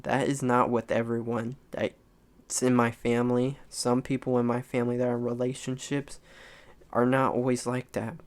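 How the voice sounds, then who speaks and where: A young man of nineteen speaks his mind in a loose, rambling vlog, blunt and unfiltered. His voice sits at an ordinary pitch and comes through smooth and clear. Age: young adult. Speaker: content creator. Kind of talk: unscripted personal vlog talk.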